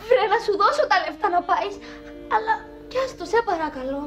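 A woman's voice: very high voice, very animated, fairly bright tone, full character voice. An actress playing an insistent, coaxing woman with a Cypriot accent. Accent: Cypriot Greek. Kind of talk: sitcom acting. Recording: TV sound with music behind.

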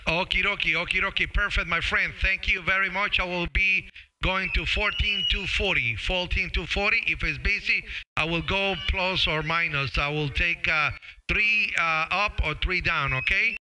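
A middle-aged amateur radio operator who also live streams, his voice high and at a normal speed, makes a casual ham radio contact against a noisy background. He speaks hesitantly, repeating words and call signs, close to a boom-arm studio microphone and wearing a headset.

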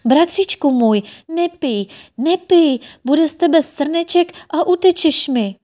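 A woman's voice: high voice, dark tone, pitched above the performer's own voice, natural voice. A woman voicing a frightened young girl who pleads urgently with her brother in a storybook. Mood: pleading, alarmed.

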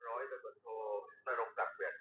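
A man's voice: fast, pushed and bright, slight background noise. A male police officer making a formal report over a walkie-talkie radio, in clipped, procedural phrasing.

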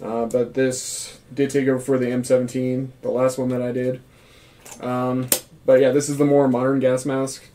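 Male vlogger, casual reviewer, mid-pitched with flat intonation. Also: normal speed, slight background noise. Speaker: gas mask reviewer, former Marine. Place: small room indoors.

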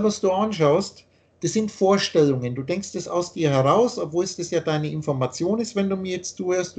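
A man's voice: fairly high pitch, darkish tone. A man explaining his teaching in a long, earnest monologue, often repeating himself, over a video call. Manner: repetitive, earnest, lecturing.

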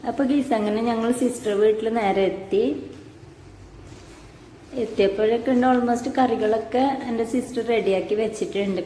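A woman's voice: mid-range voice, mellow. Chatty young woman vlogging in an echoey room. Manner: chatty, talks to viewers as "guys". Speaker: vlogger and mother. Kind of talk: casual home vlog narration. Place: home and car, indoors. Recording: echoey room with clear background noise.

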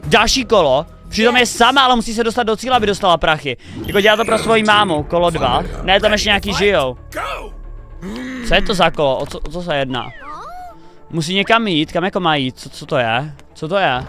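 Young male reaction host, excitable commentary, bright tone. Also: sits high. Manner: excitable, thinking aloud, cheering the players on. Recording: faint music behind the voice.

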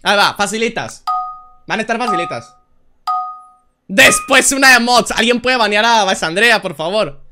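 A young man, hosting a drawing game on stream in a playful, teasing way, shouting out the answers. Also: high voice, animated, normal speed, pauses often, music in the background. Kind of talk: casual game-stream chat.

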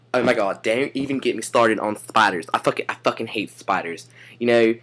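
A man's voice: fairly low pitch, moderate pace, fairly bright tone. A young man ranting profanely and exasperatedly in a comedy vlog, stammering and restarting as he goes. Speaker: comedian vlogger. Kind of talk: satirical rant vlog.

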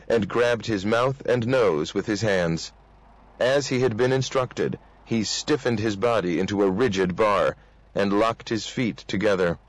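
A man reading a novel aloud in a steady, measured way. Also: lowish voice, dry recording. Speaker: reader.

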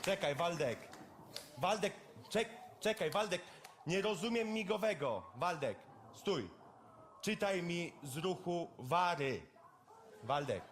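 A man performing a live cabaret sketch, talking in blunt, lively working-class banter. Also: high-pitched, slow, slight background noise. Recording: stage mic with loud audience laughter.

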